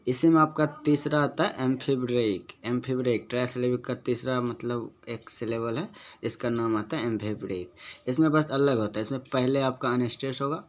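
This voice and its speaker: Man, teacher, spoken lesson, methodical, asks and answers own questions, drawn-out example words, mid pitch. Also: steady tone. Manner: methodical, repeats example words slowly for emphasis. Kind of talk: spoken lesson on poetic meter.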